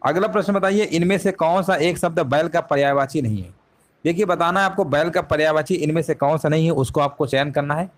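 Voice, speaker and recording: Speaking fairly quickly in a somewhat high voice, a man leads a live online exam-prep session. He goes through each question step by step, repeats answers, and constantly asks rhetorical questions.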